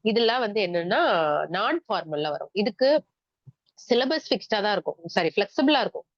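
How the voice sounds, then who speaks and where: A woman's voice: medium pitch, big pitch swings, brisk, dry recording. A woman with a Tamil accent teaching an exam-prep class, explaining step by step and asking the class questions. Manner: mixes English terms into Tamil speech. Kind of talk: online exam-prep lecture. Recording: dry, muffled lo-fi recording.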